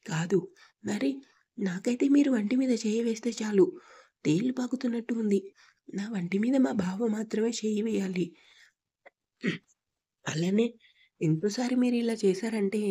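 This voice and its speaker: A woman voicing a pampered, frightened young wife in a storybook reading, pleading through sobbing complaints, with a husky tone. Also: mid-range voice, moderate pace, long pauses, mellow. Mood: defiant.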